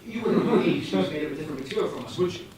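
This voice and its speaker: A man's voice: a little high, expressive, rapid-fire, darkish tone, lightly acted. A man playing a proud, matter-of-fact factory director showing off his robots, in a stage play. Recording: echoey room from far off with noise.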